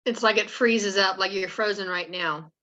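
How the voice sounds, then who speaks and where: A woman taking part in an online class, heard over a video call, talking in a casual, halting way. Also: mid-range voice, sharp tone, highs cut off. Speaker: course participant.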